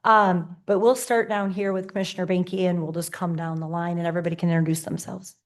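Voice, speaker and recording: Hoarse woman mayor chairing a meeting. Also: fairly low pitch, little pitch movement. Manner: chairs the meeting with fillers and quick asides. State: hoarse, raspy voice. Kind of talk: formal meeting procedure. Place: city commission meeting room.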